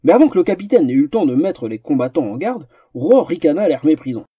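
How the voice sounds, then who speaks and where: A man narrating a fantasy story in a theatrical, animated audiobook style. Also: on the high side, fast, slightly rough, dry recording.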